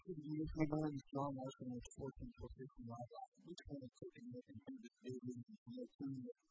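A man's voice: high voice, very animated, fast talker, warm tone, faint music behind. A man in his forties giving a rambling, appreciative public comment at a meeting. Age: 40s. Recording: dull lo-fi meeting recording.

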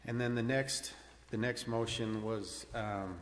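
An American man giving a halting, matter-of-fact report to a public meeting. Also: medium pitch, steady tone. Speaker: council member giving a board update. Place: large echoey indoor meeting room. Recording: echoey meeting room, background noise.

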